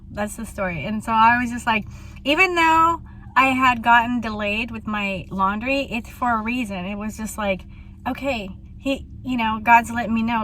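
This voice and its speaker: A woman vlogging casually outdoors in a small town, rambling through a story with lots of ums and laughs, sometimes dropping to a hushed voice. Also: a little high, a little hiss or hum.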